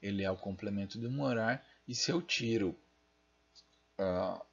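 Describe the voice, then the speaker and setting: A man's voice: fairly low pitch, unhurried, vocal fry, breathy edge, highs cut off. A Brazilian man giving a recorded linguistics lecture, thinking aloud and checking in with frequent tag questions. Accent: Brazilian Portuguese. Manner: self-deprecating asides while using the mouse.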